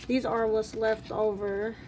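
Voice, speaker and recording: A woman with a fairly high voice hosts a casual vlog at an unhurried, slow pace. Her words are shaped a little oddly by newly fitted braces as she chats and counts along. There is faint noise in the background. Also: little pitch movement, darkish tone. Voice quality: slightly altered articulation from new braces. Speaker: vlog host. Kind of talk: casual chat while counting cash and cards.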